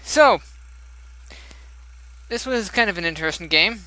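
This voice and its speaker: Chatty high-voiced young man gaming. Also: lively intonation, unhurried, sharp tone, poor audio. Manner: chatty, laughs often, muses aloud. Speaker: let's play gamer. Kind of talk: casual game commentary.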